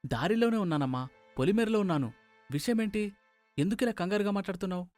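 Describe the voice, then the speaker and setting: A man's voice: sits high, animated, fast talker, a little mellow, no room sound, soft background music, voice pushed up. A man voicing an earnest, assertive young man in a cartoon story. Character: confident young man, a medical student.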